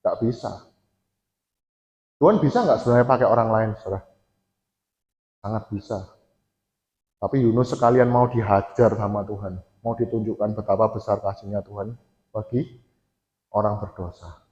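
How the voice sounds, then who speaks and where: A man's voice: lowish voice, normal speed, long pauses, a little mellow. A male preacher with an East Javanese accent, giving a conversational sermon in a church and often addressing the congregation directly. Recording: echoey church hall, dull sound.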